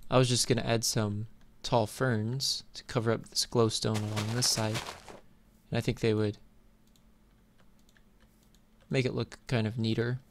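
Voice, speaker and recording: With keyboard clicks clearly audible in the background, a gaming series host chats casually about the game he's playing, musing aloud informally. He speaks at a normal speed in a lowish, level voice.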